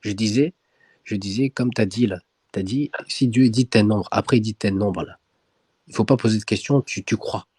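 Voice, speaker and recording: A man with a low, husky voice debates religion in a heated online voice room. He presses his points insistently and repeats his demands again and again. His sound is dry and close, with no room echo. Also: moderate pace, darkish tone. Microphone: own microphone in an online voice room.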